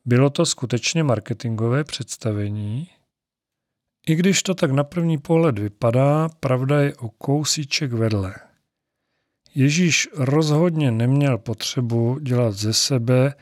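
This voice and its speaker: A man's voice: mid-range voice, darkish tone, no echo, studio quality. A man reading a scripture passage and reflecting on it, with conversational asides to his listeners. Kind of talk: Bible reading and spiritual reflection.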